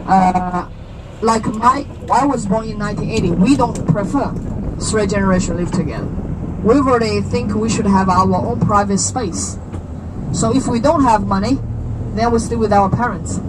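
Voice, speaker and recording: A medium-pitched tour guide from China, in her thirties and speaking with a Chinese accent, leads visitors through a city outdoors. She explains things in a chatty way, putting questions to the group and joking, against the sound of street traffic.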